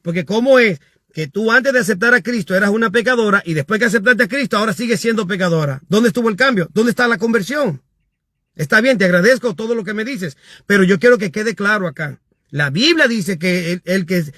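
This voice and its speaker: A man, a pastor, preaching emphatically and reading out viewer comments, rising to shouts on his key points. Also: high voice, expressive, fairly quick, no room sound, studio quality.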